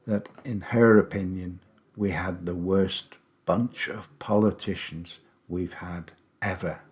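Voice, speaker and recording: An English man in his seventies, a podcast host and English teacher, chats about himself in a casual, rambling monologue full of wry asides. His voice is low and somewhat dark in tone.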